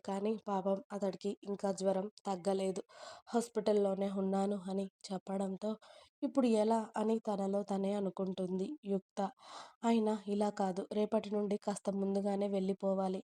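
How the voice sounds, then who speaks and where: Mellow-voiced woman narrating a story. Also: mid-range voice.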